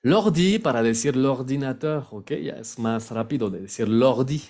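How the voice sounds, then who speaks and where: A man's voice: medium pitch, normal speed, darkish tone. A man from France with a French accent, a native French speaker teaching a video language lesson, patiently repeating each word. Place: on camera, recording a video lesson.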